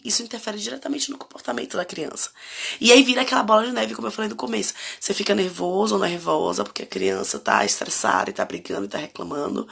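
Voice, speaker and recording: A woman's voice: medium pitch, gravelly, fairly bright tone, breathy edge. A Brazilian woman in her thirties hosting a live stream on parenting, reflective and asking her viewers direct questions. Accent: Brazilian Portuguese. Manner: reflective, asks the audience many direct questions.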